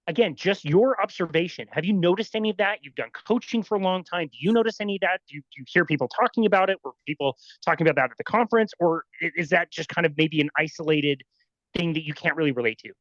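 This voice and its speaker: A man's voice: fairly high pitch, a bit bright, no echo. A man hosting a podcast in a casual interview, asking probing questions and often repeating words. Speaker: podcast host. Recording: dull, dry lo-fi audio.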